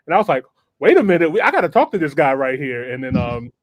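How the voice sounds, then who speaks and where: A man's voice: fairly high pitch, big pitch swings, quick pace, no echo. A man hosting a live online talk show, chatting loosely with slang and frequent laughs. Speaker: podcast host. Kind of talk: casual live-stream chat.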